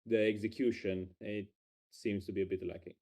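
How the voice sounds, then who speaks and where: A man co-hosting a casual livestream, talking about game jam entries in a hesitant, halting way. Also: on the low side, level tone, darkish tone. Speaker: stream co-host reviewing game jam entries.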